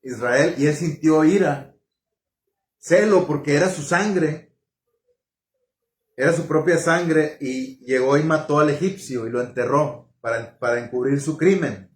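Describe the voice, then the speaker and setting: Slow, halting male preacher. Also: on the high side, reverberant. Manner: unhurried, halting, with fillers and self-corrections. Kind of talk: sermon.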